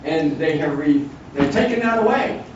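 Older man in his sixties, Bible study leader, rambling delivery, slightly high voice, recorded from far off in a very echoey room. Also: animated, normal speed. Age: 60s. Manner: rambling, with frequent restarts and asides. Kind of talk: informal Bible study talk. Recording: distant, dull, noisy room recording.

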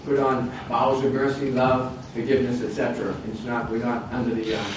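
A man's voice: medium pitch, flat delivery, a little fast, heavy reverb. A man in his sixties leading an informal Bible study, rambling with many restarts and asides. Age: 60s. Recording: distant, dull, noisy room recording.

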